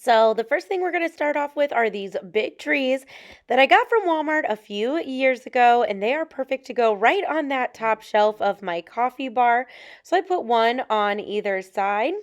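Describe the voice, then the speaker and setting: A woman's voice: on the high side, expressive, moderate pace. A young woman chatting casually to viewers in an upbeat, friendly way as she decorates her kitchen at home. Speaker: lifestyle vlogger.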